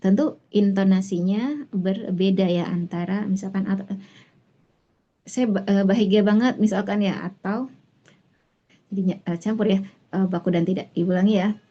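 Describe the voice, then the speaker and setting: A female tutor explains a reading passage patiently in an online class, pausing often with fillers and restarts. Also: mid-range voice, mellow. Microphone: online class recording. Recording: muffled lo-fi online class audio.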